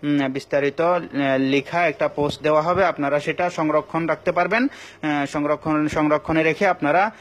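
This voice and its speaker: Slightly high-voiced Bangladeshi male teacher. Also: fairly even intonation. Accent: Bangladeshi Bengali. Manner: patient, repeats each point, slow chanted recitation examples. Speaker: Quran recitation teacher. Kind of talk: recorded class lesson.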